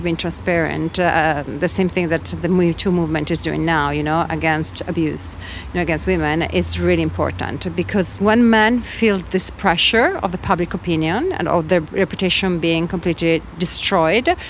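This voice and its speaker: A woman's voice: on the low side, a little hiss or hum. A woman from Italy, speaking as a guest in an interview, hesitant with many fillers and repeated words for emphasis. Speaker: guest activist. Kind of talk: interview conversation.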